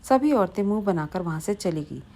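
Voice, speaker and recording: A woman narrating a moral family story in a plain, steady storytelling manner. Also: fairly low pitch, moderate pace.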